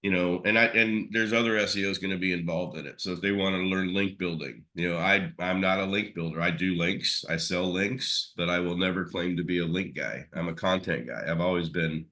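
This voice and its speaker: A man's voice: sits low, steady tone, fairly quick, few pauses, bright, forceful tone. A man talking casually as an interview guest, rambling with many fillers and restarts. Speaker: SEO expert guest.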